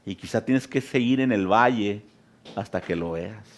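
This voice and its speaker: A man preaching a sermon as a pastor. He often addresses the congregation as brothers and sisters, and at times his voice rises to loud, impassioned preaching. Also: lowish voice, moderate pace. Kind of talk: Spanish sermon.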